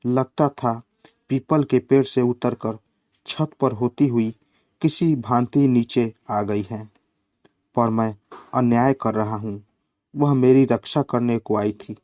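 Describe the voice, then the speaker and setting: A man reading a satirical short story aloud at a slow, measured pace. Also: mid-range voice, darkish tone, no room sound, studio quality. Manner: slow, measured reading with quoted lines voiced in the flow.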